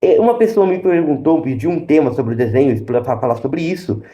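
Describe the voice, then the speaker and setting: Here a Brazilian YouTuber delivers relaxed review commentary to camera, explaining what he thinks to viewers. He talks briskly and with animation, his slightly high voice dark in tone with the highs cut off, in an echoey, roomy space.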